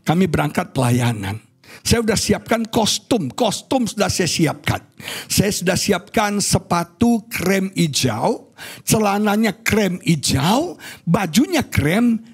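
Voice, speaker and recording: Indonesian male pastor, sermon storyteller, husky, wide expressive pitch. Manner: storytelling, expressive, addresses congregation as saudara. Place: church auditorium.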